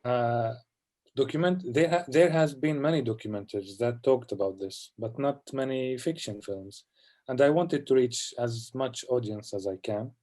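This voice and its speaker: A film director from Palestine answering questions in a festival Q&A over a video call. He speaks in a reflective, halting way and often adds "you know". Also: medium pitch, a little mellow. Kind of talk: festival Q&A conversation.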